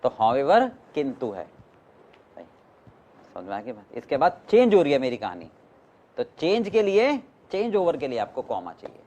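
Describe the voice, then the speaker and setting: Lively, emphatic male teacher. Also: mid-range voice, normal speed, long pauses. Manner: lively, emphatic, questions the class often. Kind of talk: classroom lecture.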